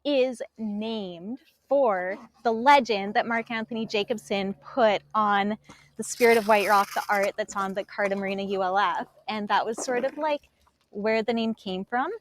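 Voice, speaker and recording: A young adult woman co-hosting a casual live stream from a dock on a lake, chatty and quick to laugh. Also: mid-range voice, slight background noise. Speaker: co-host presenting paddleboards. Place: outdoors on a floating dock on a lake.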